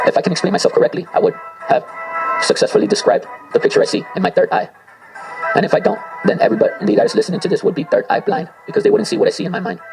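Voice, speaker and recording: Rambling to himself in an abstract, freestyled spoken word monologue, this man speaks in a high, creaky voice; he grew up in a Spanish-speaking home and Spanish is his first language. Faint circus music plays behind his voice on a low-quality recording.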